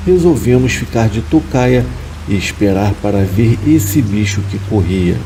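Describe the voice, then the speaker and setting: A man reading a horror story aloud in a calm, measured scripted narration. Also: lowish voice, vocal fry, slight background noise, rough recording.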